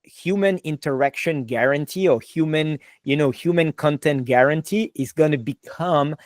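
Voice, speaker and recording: A man's voice: a little high, normal speed, dry recording, studio quality. A man with a French accent hosting a podcast interview, chatty and enthusiastic, full of "like" and "you know". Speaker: podcast host. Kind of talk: casual interview chat.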